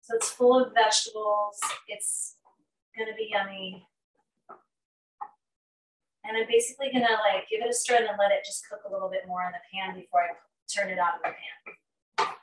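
A middle-aged woman who teaches nutrition hosts a live cooking class in her home kitchen, chatty and upbeat, filling gaps with fillers and hurrying around the stove as she cooks. Her medium-pitched voice keeps fairly even intonation at normal speed, with frequent pauses. Picked up by a laptop or fixed camera across the room, the sound is roomy and distant, carrying a little hiss or hum.

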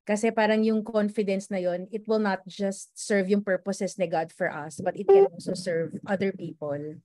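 A woman's voice: mid-range voice, steady tone, normal speed, mellow, no room sound. A woman with a Filipino accent, a prayer group member earnestly sharing a testimony on a video call. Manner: earnest, mixing in English, with restarts.

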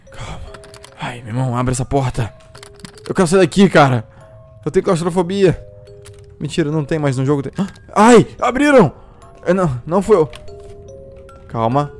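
A man commenting on a horror game as he plays, jumpy and talking to himself about what to do. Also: a little high. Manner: jumpy, exclaims and yelps at scares; talks to himself, asking what to do. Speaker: gameplay streamer. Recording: game music faint behind.

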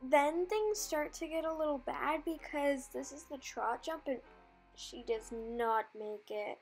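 A woman's voice: high-pitched, measured pace, soft background music. A woman narrating her riding lesson as a casual vlog voice-over, in a chatty, rambling storytelling way.

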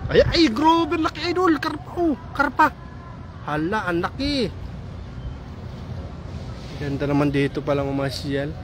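Unhurried and pausing often, a high-voiced Samar man strolls a pond-side park in daytime, vlogging casually on his phone. He's chatty and excitable with his viewers, calling them "idol," over slight background noise.

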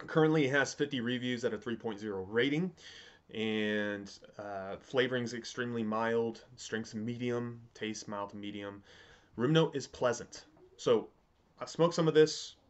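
A man in his thirties talking casually to camera as a reviewer, halting and repeating words as he thinks aloud. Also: mid-range voice, highs cut off. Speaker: pipe tobacco reviewer. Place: indoors, home study with bookshelves.

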